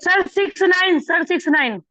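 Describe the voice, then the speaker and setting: A woman's voice: extremely high pitch, animated, moderate pace, bright, forceful tone. A female student answering the teacher's question from her seat in class. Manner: speaks up from the class. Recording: distant from the mic, dull and dry.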